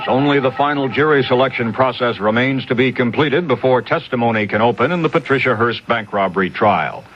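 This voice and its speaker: A male newscaster with a medium-pitched voice reads a scripted 1970s-style radio bulletin briskly over music. The audio is dull and lo-fi, captured from old AM radio.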